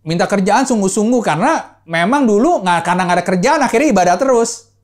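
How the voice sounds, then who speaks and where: A man serving as pastor, preaching with rising emphasis and then leading a steady prayer, often calling out to his listeners and to God. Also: high voice, fast. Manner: animated preaching, often adding "saudaraku" and "gitu"; softer, steady prayer voice, repeating "Tuhan". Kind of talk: sermon and prayer.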